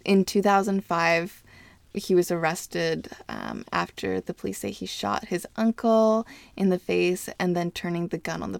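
A woman's voice: lowish voice, vocal fry, no echo. A woman co-hosting a true-crime podcast, telling the story in a chatty, filler-heavy way with frequent laughter. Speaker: podcast co-host. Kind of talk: casual true-crime chat.

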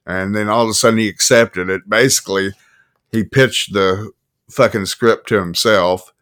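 A man hosting a podcast, rambling and swearing, with erratic jumps in pitch and pace. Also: fairly even intonation, normal speed, fairly bright tone, clear, resonant tone. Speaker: podcast host. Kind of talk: rambling casual chat.

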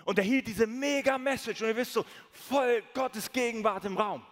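A man preaching as a pastor, telling stories with lively acted-out quotes. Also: very high-pitched, moderate pace. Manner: storytelling, animated, acts out quoted voices. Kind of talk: sermon. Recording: long reverb of a large hall.

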